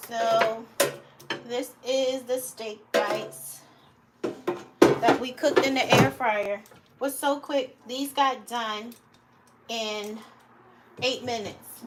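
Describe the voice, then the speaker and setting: A woman's voice: on the high side, fairly even intonation, very slow, pauses often, very noisy. A woman home cook on a live cooking stream, chatting casually with viewers and calling them honey and guys.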